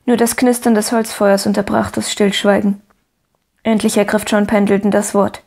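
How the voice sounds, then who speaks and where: A woman narrating a children's storybook in a calm, measured way. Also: mid-range voice, vocal fry. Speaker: audiobook narrator. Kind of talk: scripted narration.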